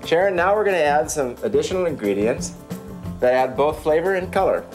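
A man's voice: on the high side, lively intonation, a little fast, a little mellow. Man giving step-by-step cooking instruction over music. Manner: explanatory, addresses his learner directly. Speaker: chef giving a cooking demonstration. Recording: music under the voice. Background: background music with guitar.

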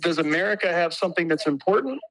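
A man's voice: high-pitched, lively intonation, fast talker, a bit bright. A man on a phone call, heard through a speakerphone, giving brief, matter-of-fact answers with hesitant fillers as a doctor being asked a question. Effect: heard over a phone speakerphone. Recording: distant phone speaker picked up by the room mic.

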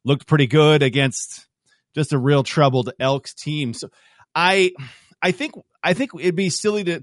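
Animated man breaking down football. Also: fairly high pitch, no room sound, clean studio sound. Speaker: football analyst guest. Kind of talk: casual sports talk.

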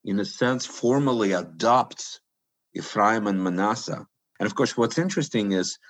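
Low-voiced man from the Soviet Union. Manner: animated, pausing storyteller with fillers. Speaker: guest, author and scholar. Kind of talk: anecdotal conversational storytelling.

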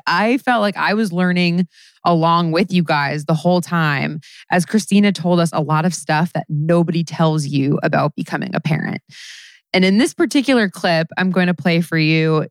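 A woman's voice: lowish voice, no room sound, clean studio sound. A woman hosting a podcast, talking in a chatty, earnest way. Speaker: podcast host. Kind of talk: casual podcast chat.

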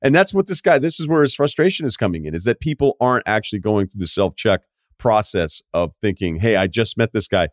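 A man's voice: lowish voice, animated, fairly quick, no echo, studio quality. A man hosting a podcast, chatting casually and reading listener mail aloud. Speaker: podcast host. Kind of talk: casual chat.

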